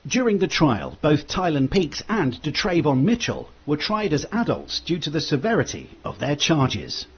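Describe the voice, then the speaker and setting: Male true-crime narrator, lively higher pitch, dull lo-fi recording with faint noise. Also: moderate pace, breathy edge. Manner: steady, factual. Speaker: documentary narrator.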